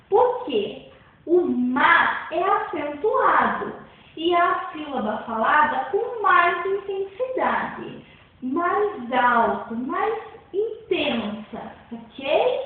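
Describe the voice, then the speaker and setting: A woman teacher explaining a grammar lesson slowly, often repeating points and checking that listeners follow. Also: high-pitched. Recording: far-off echoey room, phone-like sound.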